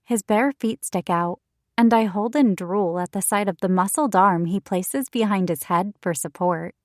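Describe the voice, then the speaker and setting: A woman reading a first-person romance audiobook in an expressive, wry storytelling manner, recorded close on a studio mic. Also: mid-range voice, moderate pace, dry recording. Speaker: audiobook narrator.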